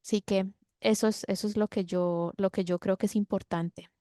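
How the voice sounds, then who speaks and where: A woman's voice: mid-range voice, fairly even intonation, normal speed, dark tone, dry recording, clean studio sound. A woman speaking as the expert in a workshop, advising parents in an earnest way over a video call. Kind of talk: workshop talk answering parents.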